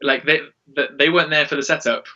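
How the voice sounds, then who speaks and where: A man's voice: on the high side, fairly even intonation, fast talker, sharp tone. A man speaking casually and earnestly in an interview as a church worship leader, in an informal way. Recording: dull, distant-mic recording.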